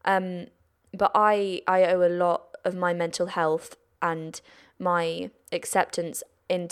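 A young woman from the United Kingdom, a podcast guest, talking casually and emotionally, often acting out what family members said. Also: fairly low pitch. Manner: chatty, emotional, quotes family in lively voices. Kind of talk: casual chat.

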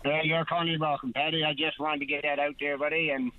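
A man's voice: on the high side, level tone, quick pace. Man calling in over a narrow phone line. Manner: plain-spoken, rambling. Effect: heard over the phone. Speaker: caller. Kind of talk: call-in radio chat.

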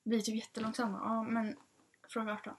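A woman's voice: fairly high pitch, monotone. Young woman, casual chat, talkative, fillers, faint background noise. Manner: chatty, fillers, laughs easily.

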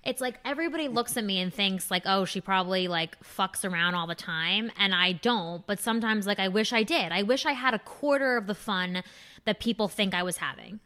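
Young female podcast co-host, candid and chatty, bright clear voice. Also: mid-range voice, brisk. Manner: candid, frank, laughs often, many fillers. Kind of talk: casual podcast chat.

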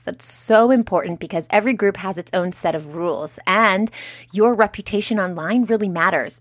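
An upbeat woman hosts a business advice podcast with a mid-pitched voice. She lays out her tips in a tidy, orderly way. The sound is dry and close, with very little room in it. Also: no room sound. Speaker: podcast host and business coach.

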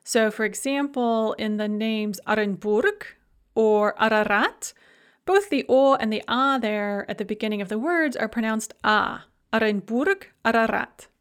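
A woman's voice: fairly high pitch, a little slow, clean tone. A woman teaching a pronunciation lesson, explaining rules step by step and carefully sounding out example words. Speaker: language teacher.

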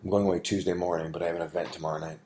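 A man's voice: sits low, level tone, racing, mellow, slight background noise. A man hosting a casual podcast as a father, teasing and easygoing, with frequent ums and restarts. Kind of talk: casual chat.

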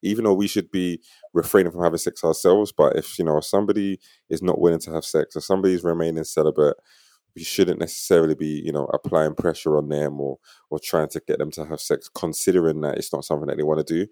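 A man's voice: very deep voice, steady tone, fast talker, mellow, dry recording, clean studio sound. A young man with a London roadman accent hosting a podcast in casual, slangy street talk. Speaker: podcast host.

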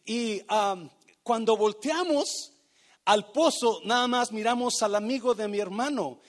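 High-voiced pastor telling a story. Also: male voice, unhurried. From Mexico. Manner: dramatic storytelling, swells loud for emphasis. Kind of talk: sermon with personal story.

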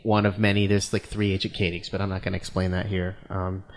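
A man's voice: low-pitched, monotone, fast talker. A man with a New England accent hosting a casual podcast, running through news items for his co-hosts. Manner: runs the segments, reads out news items. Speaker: podcast host. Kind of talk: casual panel chat.

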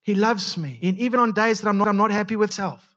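High-voiced man from South Africa preaching. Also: fairly bright tone. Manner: halting, repeats words often. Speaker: pastor. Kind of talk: sermon. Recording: dull lo-fi sound.

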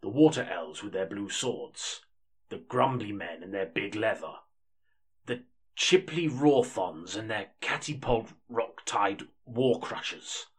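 A British man narrates an audiobook for a comedy in a low, husky voice, solemn yet exaggerated, slow, with lively intonation. He sounds polite and slightly hesitant, like someone who reads high fantasy carefully.

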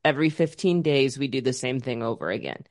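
A woman's voice: extremely low pitch, animated, brisk, darkish tone. A woman co-hosting a podcast, chatting casually and rambling with restarts about her teaching semester. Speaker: podcast co-host; music teacher at a university. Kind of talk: casual chat.

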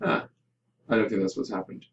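A man co-hosting a podcast, chatting casually and ranting with opinions, swearing freely. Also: fairly quick. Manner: ranting, sweary, mimics others in mock quotes. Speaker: podcast host. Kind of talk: casual opinionated film chat. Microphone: webcam about five feet away. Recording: dull webcam mic from distance.

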